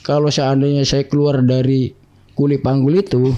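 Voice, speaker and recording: A man telling his life story to an interviewer in a casual, animated way, acting out the dialogue of the people in it. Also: mid-range voice, normal speed, muffled recording. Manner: animated, acts out quoted dialogue in other voices; keeps addressing the listener as "bang".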